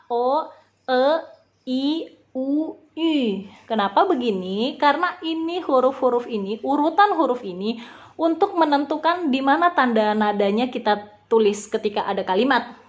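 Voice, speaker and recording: A woman teaching a beginner language lesson, patiently spelling out sounds and repeating them slowly. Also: high-pitched, animated, lo-fi sound.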